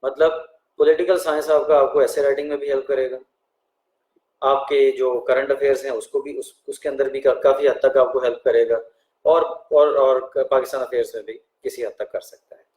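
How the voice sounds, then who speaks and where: A man, a teacher answering students' exam questions in a relaxed live question-and-answer session. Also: medium pitch, moderate pace, roomy sound, rough recording. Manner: relaxed, reads out questions and answers them in turn.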